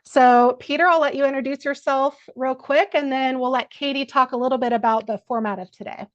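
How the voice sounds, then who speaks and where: A woman's voice: high-pitched, steady tone, fairly quick, no echo, lo-fi sound. A woman hosting a live webinar, introducing the guest in an upbeat, welcoming way. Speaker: host.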